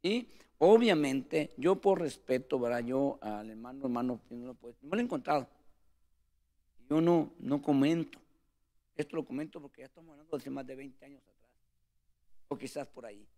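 A man's voice: medium pitch, normal speed, long pauses, dark tone. A man who preaches, telling a story about his ministry in an earnest tone and calling his listener "brother" again and again. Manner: earnest, calls listener "hermano" constantly. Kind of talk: storytelling testimony.

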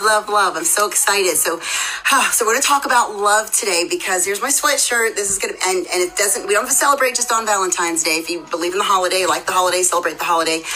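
A woman's voice: medium pitch, sharp tone, rough recording. A woman hosting a faith podcast, chatting in a bubbly, rambling, upbeat way during a devotional live session.

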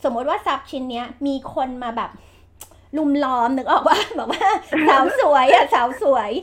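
A woman hosting a podcast chat, giving blunt, lively advice with frequent laughter and slangy speech. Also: sits high, moderate pace. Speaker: podcast host and real estate agent.

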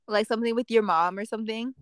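A woman with a fairly high voice hosts a casual podcast chat. She teases and keeps prompting with questions. The recording is dry and close. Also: fairly even intonation, quick pace, no echo. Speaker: podcast host.

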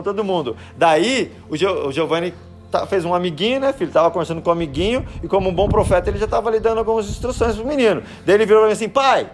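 Man preaching a relaxed anecdotal sermon. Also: on the high side. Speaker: pastor.

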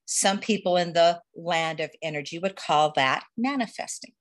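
A woman, an energy instructor, teaching on a podcast in a lively way, laughing and quoting herself. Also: lowish voice, normal speed. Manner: animated, laughs, quotes herself in little voices.

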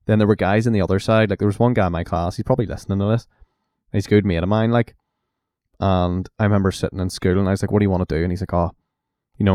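Deep-voiced young man, rambling. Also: mellow, smooth, dry recording, studio quality. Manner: rambling, heavy use of "like" and "you know". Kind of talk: casual chat.

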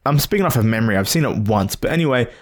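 Laughing, lively-pitched young man, nasal today. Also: racing. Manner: joking, rambling, laughs often. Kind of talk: casual banter.

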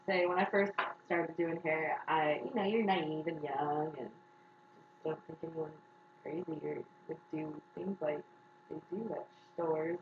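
A woman's voice: sits low, steady tone, unhurried, far from the mic. A woman, chatting casually as a podcast co-host and laughing often. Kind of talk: casual chat. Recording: roomy, dull, noisy recording.

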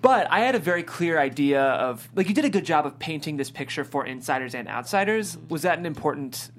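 A woman hosts a casual interview, chatting easily as she leads into her questions. Her voice is low-pitched and expressive, and she speaks a bit quickly. The room is noisy, with an audible hum.

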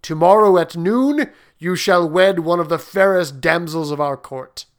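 A man reading a storybook, voicing a stern, hot-tempered king who booms out loud commands. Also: unhurried. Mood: commanding.

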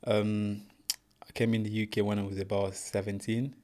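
A man's voice: lowish voice, level tone, normal speed, warm tone. Young guy from congo, english not his first language, earnest and plain, calls the host bro. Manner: earnest, plain storytelling, says "bro" often. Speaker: guest, professional boxer. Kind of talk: casual interview.

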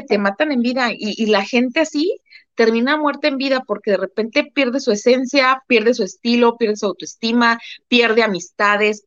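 A woman's voice: on the high side, fairly bright tone, no echo, highs cut off. A woman with a Mexican Spanish accent co-hosting a casual live-stream talk, emphatic and repeating phrases for effect. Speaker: co-host.

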